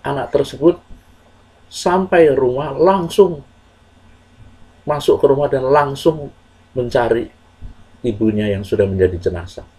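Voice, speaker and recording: A man telling a moral story to children in a slow, earnest, measured way with pauses. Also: mid-range voice, dark tone, breathy edge, low-quality recording.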